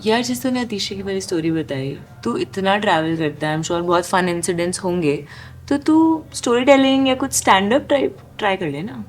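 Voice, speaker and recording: A woman's voice: mid-range voice, expressive, moderate pace. Woman in casual chat, faint hum behind. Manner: encouraging, mixes in English phrases. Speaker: friend.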